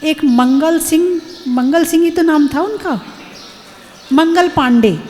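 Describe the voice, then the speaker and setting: Woman, nun's sermon, high voice, unhurried, emphatic, long hall reverb. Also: a little mellow, a little hiss or hum. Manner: emphatic, rhetorical questions to the audience. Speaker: Jain nun giving a sermon.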